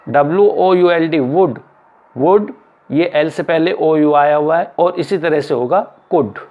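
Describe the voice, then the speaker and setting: Man spelling out words slowly, fairly high voice. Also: phone-quality sound. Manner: spells words letter by letter, slow and repetitive. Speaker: English teacher. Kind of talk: explanatory lesson.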